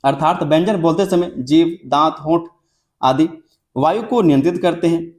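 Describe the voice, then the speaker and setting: A young man with a high-pitched voice gives a classroom lecture. He repeats each point and drags out example words slowly. He keeps checking in with his listeners as he goes. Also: a little mellow. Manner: repetitive, drawn-out example words with frequent checks like "theek hai". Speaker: teacher.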